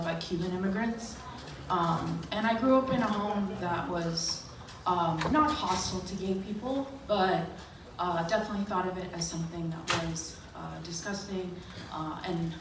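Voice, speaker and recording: A woman's voice: on the low side, normal speed. A young adult woman from Miami giving a public comment at a board meeting, earnest and pointed, with frequent fillers. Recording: echoey hall, from far off, noisy.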